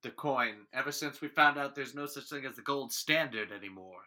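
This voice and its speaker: Deadpan man with a bright, forceful voice. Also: medium pitch, fairly quick. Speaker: improv performer. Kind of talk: improv comedy scene.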